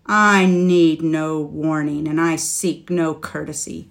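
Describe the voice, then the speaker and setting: A woman voicing a proud, scornful male dragon, speaking slowly and forcefully with contempt. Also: low voice, fairly even intonation. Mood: menacing. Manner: slow, forceful, contemptuous delivery. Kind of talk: storybook reading.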